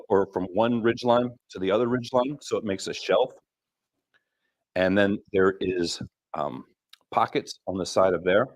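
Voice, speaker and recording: A man's voice: lowish voice, no room sound. A man hosting a live stream for his gear company, casually explaining how a hammock works, with many ums along the way.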